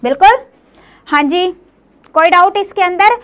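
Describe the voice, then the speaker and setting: A woman's voice: very high voice, measured pace, a bit bright. A woman teacher giving a classroom lecture, often coaxing her students with questions as she goes. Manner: coaxing, often asks "clear, beta?".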